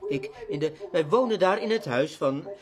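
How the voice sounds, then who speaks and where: Man preaching hard, high voice, repeats his lines, church crowd murmuring and laughing behind. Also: expressive, moderate pace. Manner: fervent, repetitive preaching cadence. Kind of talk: sermon. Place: church before a congregation.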